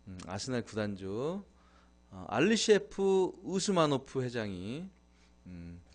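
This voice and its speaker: Male live-stream host, relaxed and chatty, breaks into laughs. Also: medium pitch, takes it slowly. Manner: chatty, thanks viewers, laughs often. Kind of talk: casual live-stream talk.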